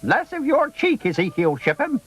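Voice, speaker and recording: A man's voice: extremely high pitch, sing-song, normal speed, a bit bright, pitched above the performer's own voice, full character voice. A man voicing a feisty, teasing old granny with a rustic, mock-scolding manner in a children's story. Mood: teasing, brisk.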